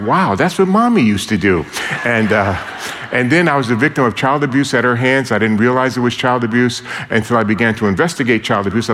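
An older man from New York City preaching a lively, humorous sermon and telling his own story, often having the congregation repeat lines to their neighbor. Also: medium pitch, big-room sound. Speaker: preacher giving his testimony.

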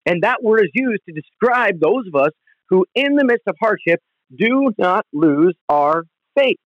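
A male pastor with a high voice speaks from home in an earnest, conversational teaching style. He is heard over the phone, so the sound is dull and lo-fi. The room is dry, with little echo. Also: expressive, unhurried. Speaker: pastor and podcast host. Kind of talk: devotional podcast teaching.

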